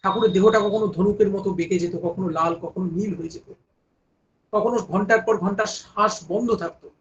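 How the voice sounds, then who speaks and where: High-voiced man giving a devotional talk. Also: a little fast, slight background noise. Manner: storytelling, asks listeners rhetorical questions. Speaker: devotional speaker. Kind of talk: devotional discourse. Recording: dull lo-fi recording.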